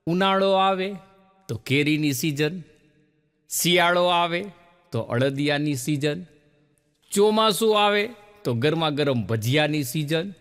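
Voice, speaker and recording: High-voiced Gujarati man telling jokes. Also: long reverb tail. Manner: animated storyteller acting out quoted characters. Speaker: stand-up comedian. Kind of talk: Gujarati joke telling to a laughing audience.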